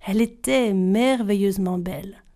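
A woman storyteller telling a folktale aloud, expressive and speaking directly to her listeners. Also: medium pitch, normal speed.

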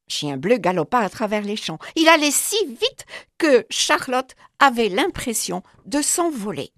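A woman reads a children's storybook aloud, her pitch rising and falling widely. She takes it slow and deliberate. The sound is dry and close to the mic. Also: no room sound. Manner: expressive, with sweeping pitch.

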